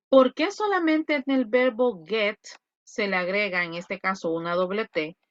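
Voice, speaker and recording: A woman, a Spanish speaker, teaching an English class online and voicing her students' questions in an animated way. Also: on the high side, muffled recording.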